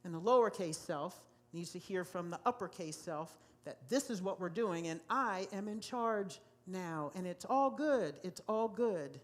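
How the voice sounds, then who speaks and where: A woman's voice: lowish voice, moderate pace, few pauses. A woman pastor delivers a sermon in a church sanctuary. She speaks with emphasis and repeats her key phrases to drive them home.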